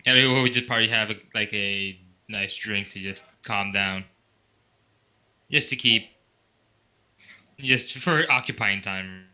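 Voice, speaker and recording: A man playing a tabletop game, chatting casually and making quick joking remarks. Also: fairly low pitch, sharp tone. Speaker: player.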